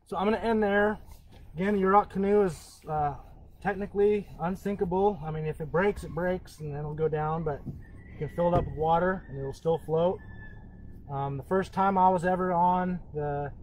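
This cultural educator from Northern California has a high, darkish voice as he delivers an educational talk on a live stream. His earnest speech halts frequently with pauses and restarts. The low-quality recording carries a little hiss or hum.

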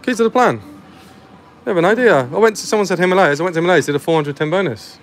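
A man's voice: high-pitched, very fast. A young man, the host of a gambling channel, chatting casually and swearing as he plays the slots, often mocking himself. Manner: laid-back, swearing, self-mocking. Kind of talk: casual commentary on slot play. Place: arcade or bookmaker's with slot machines. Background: slot machine music.

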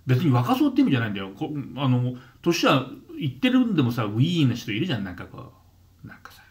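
A man's voice: medium pitch, wildly swooping pitch, quick pace. A man in his fifties from Gunma, Japan, hosting his own channel and telling a story to camera in a casual monologue. He often restarts and repeats words, and briefly mimics the people he describes. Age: 50s. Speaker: channel host.

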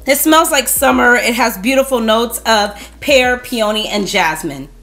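A woman's voice: a little high, fairly bright tone, soft background music. Upbeat woman reviewing perfumes at home. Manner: enthusiastic, listing notes in quick rhythmic runs. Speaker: beauty vlogger. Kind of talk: fragrance review vlog. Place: home room with a desk display.

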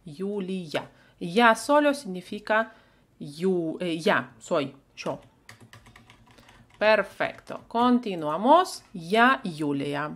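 A woman's voice: mid-range voice, lively intonation, drawn-out words. A woman with a Russian accent, a native Russian speaker, teaching a live online language lesson and patiently repeating phrases for learners to copy.

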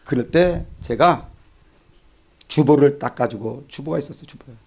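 A man preaching a revival sermon as pastor, swinging between loud exclamations and hushed asides. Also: mid-range voice, normal speed, husky. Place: church sanctuary.

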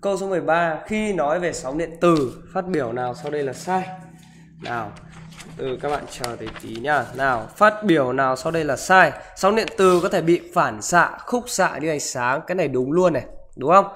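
A man's voice: fairly high pitch, expressive, normal speed, fairly bright tone, a little hiss or hum. A man teaching physics, talking students through exam questions in a live online class and checking in with them after almost every sentence. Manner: keeps asking "được chưa?" and "đúng không?".

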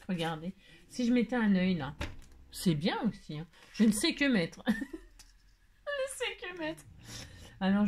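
Playful chatty French woman crafting. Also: medium pitch. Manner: chatty, playful, constant "hein", laughs at herself. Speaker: crafting video host. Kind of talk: casual crafting tutorial.

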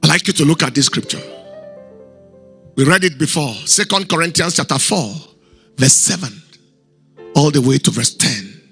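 A middle-aged man preaching a sermon with passion, using dramatic pauses and chanting some phrases. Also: fairly high pitch, expressive, gravelly, a bit bright, soft background music. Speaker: pastor.

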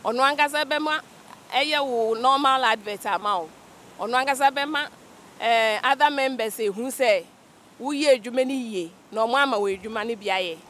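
Ghanaian woman, high voice, unhurried. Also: fairly bright tone. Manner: speaks unhurriedly, mixes English with Twi. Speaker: clearing agent guest. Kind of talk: casual interview. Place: outdoors on a beach by the sea. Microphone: handheld mic held by interviewer. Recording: faint outdoor noise.

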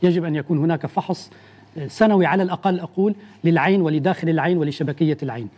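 A man, an internal medicine doctor, explaining medical facts in a measured way on a TV interview, often restarting his sentences. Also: on the high side, a little mellow.

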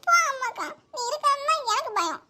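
A woman's voice: extremely high pitch, normal speed, bright, forceful tone, slight background noise. A tiny whiny cartoon girl. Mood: tearful. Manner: whiny and tearful. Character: small weepy girl missing her grandmother. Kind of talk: cartoon voice acting.

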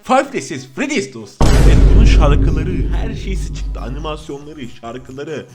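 Jokey, excitable streamer man. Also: a little high, normal speed, loud music behind the voice. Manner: jokey, excitable, swears often, talks to the viewers. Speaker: gaming streamer. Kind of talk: casual horror gameplay commentary.

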